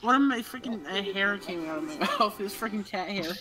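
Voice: medium pitch, expressive, fairly quick, music in the background, poor audio. A co-commentator chatting casually over a video game in a rambling, silly manner. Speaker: let's play co-commentator. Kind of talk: casual group gaming chat.

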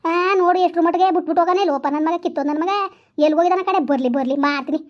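A woman playing a furious village elder aunt in a comedy skit, cursing and scolding without pause. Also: dull audio. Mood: fuming. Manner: shrill nonstop scolding and cursing.

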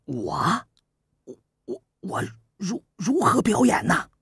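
A man's voice: lively intonation, slow pace, gravelly, slightly rough, no echo, studio quality, heavily acted. Man doing a stammering timid young prince. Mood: nervous. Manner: stammering, hesitant, higher and quiet.

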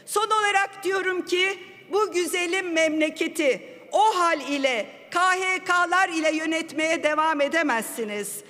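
A woman's voice: very high voice, a little slow, pushed and bright. A woman member of parliament giving an impassioned, accusatory speech at a rostrum microphone in a large chamber, repeating her phrases for force. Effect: speaking at a rostrum microphone. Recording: long reverb of a large hall.

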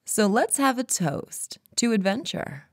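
In an intimate roleplay, a woman plays a seductive female hypnotist luring a lost traveler, her voice pitched above her own, a little high and sing-song. She coaxes and soothes in a friendly way at a measured pace, often nearly whispering, in a dry recording.

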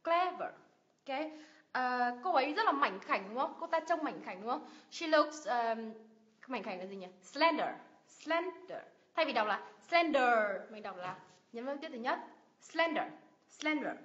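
A Vietnamese woman with a high, bright voice runs a livestream lesson on English word stress. She repeats each word several times with strong emphasis and keeps asking viewers questions. The audio is dull and lo-fi. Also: expressive, moderate pace. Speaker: English pronunciation teacher. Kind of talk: livestream lesson, drilling words. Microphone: livestream mic.

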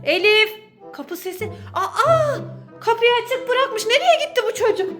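A woman hosting a game channel, narrating her play in an excitable, shrieking, giggly way. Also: extremely high pitch, unhurried, soft background music. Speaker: game player and host. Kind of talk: narrating a game while playing.

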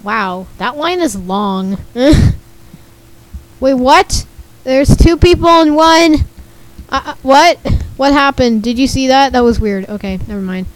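High-pitched yet slow, the slightly scratchy voice of a young gaming YouTuber carries giggly, casual commentary as she plays. She chats freely, reading on-screen messages aloud and reacting to them.

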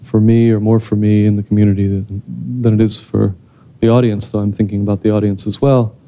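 A thoughtful man in his thirties answers audience questions after a film screening, often restarting his sentences. His voice is very dark and low, with an even, unvaried pitch, heard through a handheld mic on a theater stage. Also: fairly quick. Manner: thoughtful, hesitant, many restarts. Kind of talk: post-screening Q&A.

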